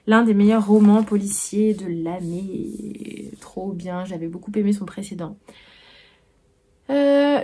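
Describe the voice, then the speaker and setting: A young woman chats through her new books in a relaxed vlog, thinking out loud and stumbling over restarts. Her voice is mellow and warm, sitting at a middle pitch. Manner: hesitant, full of "euh" and restarts, musing aloud. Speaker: book vlogger. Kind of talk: casual chat about received books.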